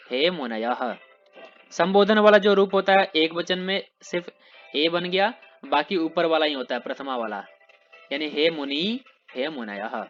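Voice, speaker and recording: A man teaching Sanskrit grammar, slowly reciting word forms one by one and then explaining them in plain, simple terms. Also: fairly high pitch, a bit bright, muffled recording. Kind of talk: recorded grammar lesson.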